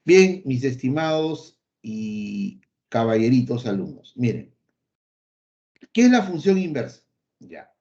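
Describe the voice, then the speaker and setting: A man's voice: mid-range voice, big pitch swings, slow, dark tone. A man teaching a math lesson, repeating key points emphatically and speaking straight to his students. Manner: playfully voices an imagined student answering him; repetitive, emphatic, addresses students directly. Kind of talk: recorded online math lesson. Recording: slightly dull lo-fi recording.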